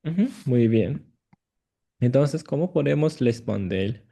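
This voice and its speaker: A man's voice: medium pitch, expressive, slow pace, vocal fry, mellow. A man teaching a language lesson, patient and prompting with frequent affirming murmurs. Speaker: Chinese teacher.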